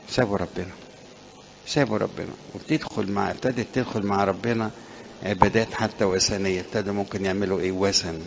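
Deep-voiced Egyptian preacher. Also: male voice, creaky, a little hiss or hum. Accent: Egyptian Arabic. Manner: asks questions and answers them himself. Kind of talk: sermon.

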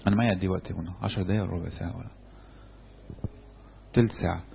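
Racing along in a deep, gravelly voice with fairly even intonation, a man with an Egyptian Arabic accent delivers a church sermon to a group, asking and answering his own questions. He holds a microphone in his hand, and there's slight background noise. The echoey hall is heard through a tinny, phone-like recording.

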